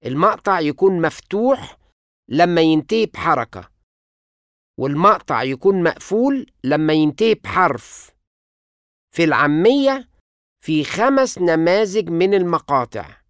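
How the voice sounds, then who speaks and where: A language teacher with an Egyptian Arabic accent, giving scripted instructional narration and pronouncing each example word slowly and carefully. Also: mid-range voice, expressive, dry recording, clean studio sound.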